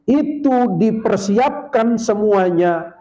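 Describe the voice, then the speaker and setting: A male preacher delivers a sermon in a lively storytelling manner, breaking into recited Arabic verses. His voice sits high. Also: slow, poor audio.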